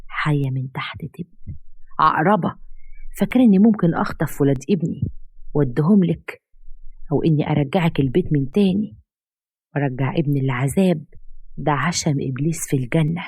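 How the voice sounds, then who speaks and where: A woman's voice: deep voice, fairly quick, long pauses, a little mellow, husky, no room sound. A woman voicing a stern, scornful mother-in-law who scolds with proverbs.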